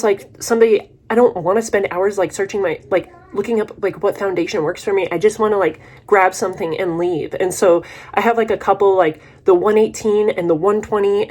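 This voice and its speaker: A young woman talks through her makeup routine in a relaxed, rambling vlog. Her speech is loose and chatty, full of fillers and asides. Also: medium pitch. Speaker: vlogger. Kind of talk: casual vlog chat while doing makeup.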